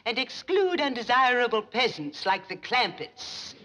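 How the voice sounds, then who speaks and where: A woman's voice: on the high side, very animated, measured pace, bright, forceful tone, heavily acted. A woman playing a snobbish, gushing, middle-aged banker's wife in a 1960s TV sitcom, with a haughty, affected grande dame delivery. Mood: haughty, indignant. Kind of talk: 1960s television sitcom acting. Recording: noisy old television soundtrack.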